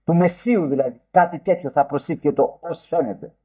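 A man with a high voice delivers a sermon in formal, old-fashioned phrasing. He is emphatic, and his voice climbs further whenever he quotes. The recording is dull and lo-fi. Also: slightly rough. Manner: emphatic, rising sharply when quoting. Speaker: preacher.

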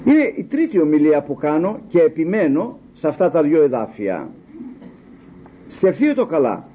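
Older male lay preacher, husky, warm dark tone, very animated delivery with questions. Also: fairly high pitch, slight background noise. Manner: animated storytelling, quotes dialogue, rhetorical questions. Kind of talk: sermon with personal stories.

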